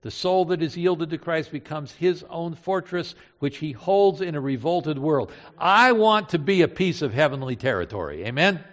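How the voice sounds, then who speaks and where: A man's voice: expressive, normal speed, hardly any pauses. Older male pastor preaching in a hall. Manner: storytelling, swings between loud emphasis and hushed low lines. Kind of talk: sermon. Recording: dull sound in a reverberant hall.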